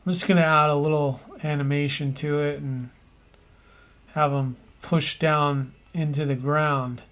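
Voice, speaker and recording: A man narrating an animation tutorial, thinking aloud as he works, with pauses and restarts. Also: on the high side, flat delivery, a bit bright.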